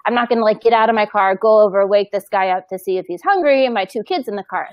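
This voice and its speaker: A woman in her thirties chatting casually as a podcast co-host, telling an animated story, acting out the voices in it and laughing often. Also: medium pitch, quick pace, dry recording, dull audio.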